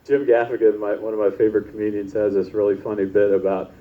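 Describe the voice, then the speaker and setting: Speaking fast in a lowish voice that barely moves in pitch, a pastor gives a chatty, informal sermon drawn from his own stories, regularly dropping in "right?". The church service recording is dull and lo-fi.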